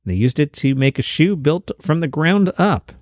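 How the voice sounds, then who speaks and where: A man's voice: fairly high pitch, expressive, moderate pace, soft background music. A man hosting a good news roundup, reading stories with chatty, jokey asides. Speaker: host.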